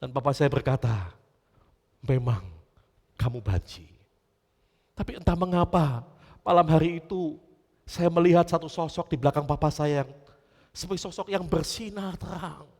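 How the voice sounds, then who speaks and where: High-voiced male pastor in an echoing church. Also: normal speed. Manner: animated storytelling, often addressing listeners as brothers and sisters; swings between loud emphasis and hushed lines. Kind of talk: storytelling sermon. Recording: long church reverb.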